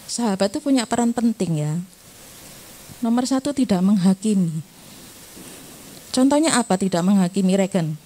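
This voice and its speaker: A woman's voice: medium pitch, animated, moderate pace, pauses often, warm tone. A middle-aged woman, giving a church youth talk in a chatty way, asking her listeners questions and ending lines with a tag "ya".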